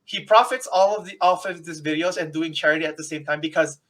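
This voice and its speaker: A man's voice: on the high side, quick pace, a bit bright. A man co-hosting a casual podcast, emphatic and insistent, often repeating himself. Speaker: podcast co-host.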